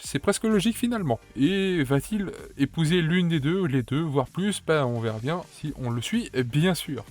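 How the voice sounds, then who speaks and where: A man with a French accent giving casual anime news commentary, rambling with lots of fillers and restarts. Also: fairly high pitch.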